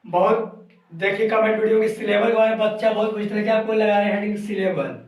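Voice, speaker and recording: A man teaching a coaching class lesson, repeating phrases and dictating slowly while he writes. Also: sits high. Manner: repetitive, slow dictation while writing. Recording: very echoey room, far from mic.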